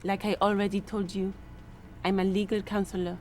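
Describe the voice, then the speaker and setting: A woman's voice: medium pitch, little pitch movement, darkish tone, a little hiss or hum, close to an everyday voice. A woman with a French-sounding accent voicing a stern, guarded female legal counselor for a union in a video game. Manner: cool, measured, stern.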